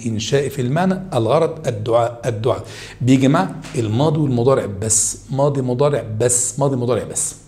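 A man with an Egyptian accent teaching a high school Arabic rhetoric review, animated and coaxing his students with pet names.

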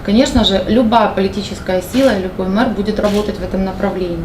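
A woman's voice: medium pitch, fast talker, recorded from a distance. Woman, party spokesperson, explanatory, faint room noise, echoey. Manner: steady, explanatory, some hesitation fillers. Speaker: party representative at a press conference. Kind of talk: answering press questions. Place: indoor press conference room.

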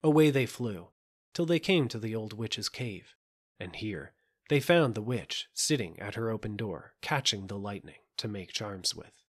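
A man narrating a fairy tale audiobook in an expressive storytelling manner. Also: on the low side, a little slow.

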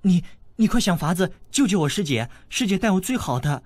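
A man's voice: high-pitched, very animated, a little fast, dry recording, pitched above the performer's own voice. A man voicing a timid young princess who stammers and pleads, in an audiobook. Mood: pleading.

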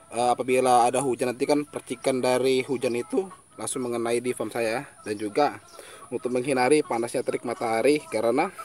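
A man's voice: medium pitch, a little mellow. A man talking casually into a handheld phone outdoors, explaining his fish farm work step by step. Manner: chatty, explaining step by step, frequent "ya". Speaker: hobby guppy farmer and vlogger. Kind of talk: casual outdoor vlog narration. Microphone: handheld phone camera.

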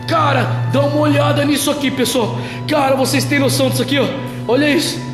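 Brazilian guy doing a night ghost vlog, nervous hushed talk, super echoey place w music behind. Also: extremely high pitch, little pitch movement, fast. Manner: nervous, hushed, repeating short words. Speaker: host of a paranormal investigation vlog. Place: dark abandoned tiled building, indoors at night. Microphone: handheld camera. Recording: echoey empty building, long reverb, music behind.

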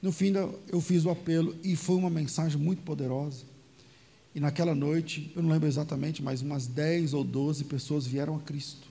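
A man's voice: on the high side, steady tone, normal speed, creaky, dark tone, long reverb tail. A man preaching as a pastor, telling a personal story in a sermon with conversational repetitions. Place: church.

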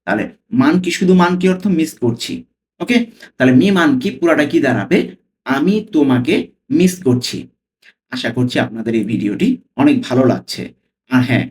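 A man teaching as a language tutor, repeating each phrase slowly word by word and checking in with "okay?". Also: mid-range voice. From Bangladesh. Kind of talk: spoken lesson, Italian phrases explained in Bengali.

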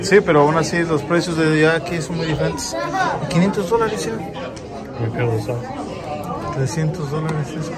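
A man's voice: on the high side, moderate pace, pauses often, over a noisy crowd. Chatty man filming at a crowded expo. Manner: chatty, remarks on prices while filming. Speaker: vlogger filming a family outing. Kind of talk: casual running commentary. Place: large indoor reptile expo hall. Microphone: handheld phone camera. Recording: busy crowded hall.

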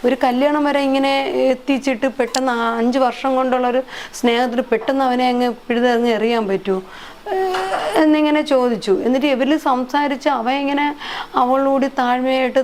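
A middle-aged woman tells her story in an interview, her voice pitched a little high. She stops, repeats words and lets sentences trail off, and her speech is heavy with feeling. Faint ambient noise sits behind her. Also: steady tone, a little mellow. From Kerala, India. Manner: halting, repeating herself, trailing off. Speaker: interviewee, mother. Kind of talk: emotional personal account.

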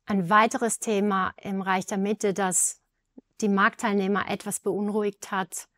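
A woman's voice: medium pitch, level tone, unhurried, a bit bright, no room sound. A woman in her fifties hosting a studio interview, asking composed questions with light fillers. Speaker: host, interviewer.

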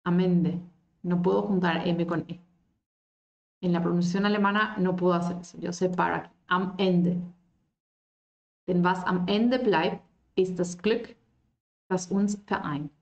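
A woman teaching German in an online lesson. She reads German lines slowly and clearly, then explains them in Spanish. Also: fairly low pitch, fairly even intonation, reverberant.

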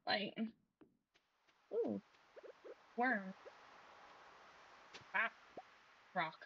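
A woman's voice: mid-range voice, big pitch swings, very slow, vocal fry, lo-fi sound, a little hiss or hum. Chatty young woman streaming a farm game. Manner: chatty, exclamatory, self-deprecating. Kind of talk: casual gaming commentary.

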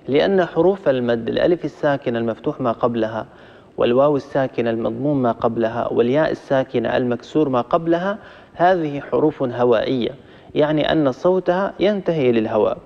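Patient male recitation teacher, roomy sound. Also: fairly high pitch. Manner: patient, explains rules step by step. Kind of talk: live recitation coaching. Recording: roomy, muffled audio.

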